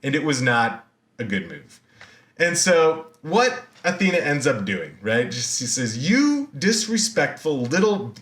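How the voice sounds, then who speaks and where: A man giving a recorded university lecture, retelling a myth in a slangy, animated way with lots of fillers. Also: mid-range voice, a little slow, roomy sound.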